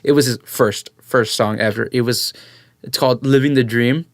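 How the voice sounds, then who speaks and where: A young man as a podcast guest, telling a story in casual chat, animated and excitable, acting out what people said. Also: medium pitch, moderate pace, no echo, clean studio sound. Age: young adult.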